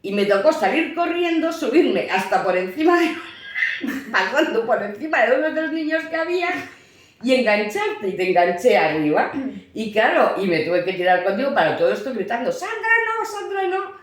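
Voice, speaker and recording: Animated Spanish woman telling a story. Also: fairly high pitch, moderate pace, heavy reverb. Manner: animated, acts out quoted voices, frequent restarts. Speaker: mother of the host, guest. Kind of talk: casual storytelling.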